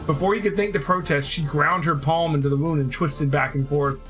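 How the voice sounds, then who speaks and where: A man streaming a game who reads a story aloud in a steady, measured way. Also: fairly high pitch, soft background music, poor audio.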